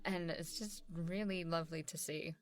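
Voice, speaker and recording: Fond and amused, a woman plays a supportive, easygoing female boss praising an employee in a gentle one-sided ASMR scene. She speaks at a moderate pace in a natural, lowish voice with fairly even intonation, staying casual and encouraging while chuckling hesitantly between phrases.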